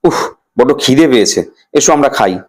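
A man's voice: medium pitch, animated, fairly quick, darkish tone, close to an everyday voice. A man voicing a jovial middle-aged uncle who is a police officer, speaking in a hearty, reassuring way.

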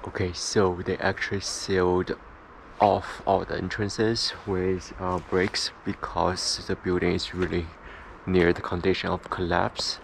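Deep-voiced man vlogging among ruins. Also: little pitch movement, a little slow, gravelly, a little hiss or hum, poor audio. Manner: chatty, explaining on the move. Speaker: travel vlogger. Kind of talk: travel vlog narration.

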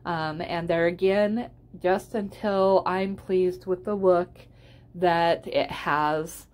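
A woman's voice: on the low side, steady tone, slow, darkish tone. A woman giving a casual instructional voice-over as a tutorial host, explaining step by step in an encouraging way.

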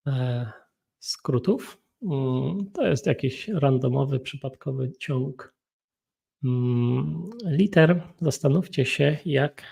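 A Polish man with a Polish accent teaching an English grammar lesson, talking slowly and thinking aloud while feeling unwell. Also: medium pitch, creaky, darkish tone, husky. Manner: slow, thinking aloud with frequent hums. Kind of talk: solo grammar and pronunciation lesson.

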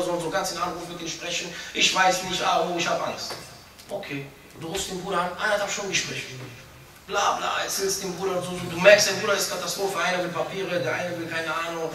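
A young man giving an informal, chatty sermon, joking and acting out little scenes as he preaches. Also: high-pitched. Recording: echoey room, voice from a distance.

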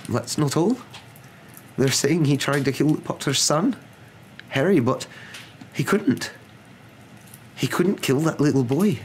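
A man's voice: medium pitch, wildly swooping pitch, slow, pauses often, a bit bright, slight background noise, voice pushed up, heavily acted. A man voicing a stern, anxious older witch professor, faltering and emphatic, in a storybook reading. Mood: shaken.

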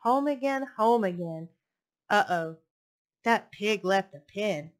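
Wearing a headset mic in a living room, a woman in her thirties gives an expressive storytime reading of picture books for children, as librarians do, in a playful sing-song cadence. She speaks at medium pitch with lively intonation and takes it slowly.

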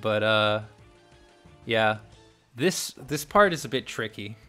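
Soft-spoken young man hosting a gaming podcast. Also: fairly low pitch, expressive, takes it slowly, clear, resonant tone, soft background music. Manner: soft-spoken, hesitant, trailing off. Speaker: podcast host. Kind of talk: casual gaming commentary.

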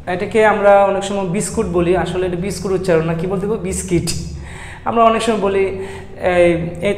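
A male lecturer, teaching an English vocabulary lesson in a classroom. He asks the class questions, answers them himself and spells words out letter by letter. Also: high voice. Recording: echoey room with long reverb.

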